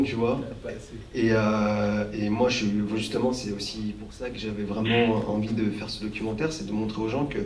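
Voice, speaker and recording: A man in his thirties talks reflectively on a live discussion panel, his fairly low voice hesitant with fillers and restarts. He sounds distant from the mic, and the large room rings around him with a faint murmur behind. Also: darkish tone, slight background noise. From France. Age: 30s. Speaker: panel guest, record collector and documentary maker. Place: hall with an audience. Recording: roomy hall from a distant mic.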